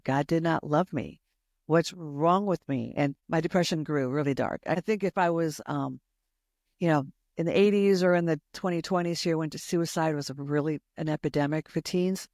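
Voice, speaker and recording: A woman's voice: low voice, vocal fry, a little mellow, no echo. Earnest woman in her sixties, dry sound. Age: 60s. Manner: earnest, heartfelt storytelling. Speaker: longtime youth pastor, guest. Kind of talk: personal faith testimony in conversation.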